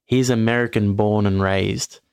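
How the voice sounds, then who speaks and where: Gravelly man talking footy. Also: fairly low pitch, steady tone, a little slow, no echo, studio quality. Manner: rambling, self-correcting, enthusiastic. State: tipsy from wine. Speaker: podcast co-host. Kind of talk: casual sports chat.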